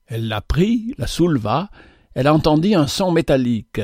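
A man reading a classic tale aloud in a measured, gentle way. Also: a little high, big pitch swings, dry recording, studio quality. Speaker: narrator. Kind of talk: scripted storybook narration.

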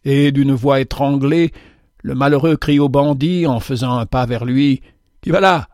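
A man giving a slow, theatrical reading of a moral parable in a preacherly manner. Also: mid-range voice, steady tone, warm tone, no echo, studio quality. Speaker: narrator.

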